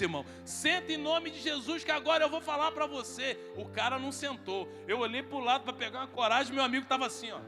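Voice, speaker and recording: A man with a Brazilian Portuguese accent preaching at a men's congress, telling a funny story and acting out every line of dialogue. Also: very high voice. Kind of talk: humorous sermon storytelling. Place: large hall at a men's congress. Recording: reverberant hall with faint music.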